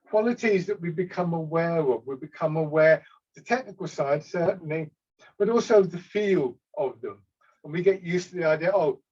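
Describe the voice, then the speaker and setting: A man gives calm, unhurried step-by-step tai chi cues as an instructor, sometimes hesitating and correcting himself. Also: on the high side. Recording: slightly dull, lo-fi sound.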